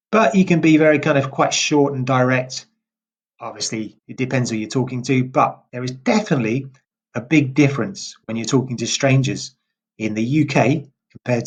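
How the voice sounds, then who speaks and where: A British man from England giving an English pronunciation lesson, speaking slowly and deliberately and repeating example words clearly. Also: mid-range voice. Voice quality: slow and deliberate, drawing out words for emphasis.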